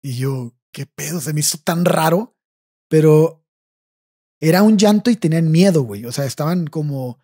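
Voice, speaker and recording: Slangy Mexican man with a husky voice. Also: a little high, moderate pace, dark tone. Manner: slangy, swears freely, ends phrases with "güey". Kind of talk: casual storytelling chat.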